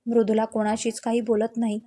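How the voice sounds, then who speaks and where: A woman narrating a scripted love story as storyteller, in a gentle, descriptive manner. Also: on the high side, monotone, fairly quick.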